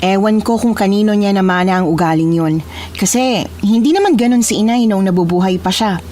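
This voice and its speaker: A woman narrating a true horror story in a measured, solemn storyteller's style. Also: mid-range voice, warm tone, slight background noise.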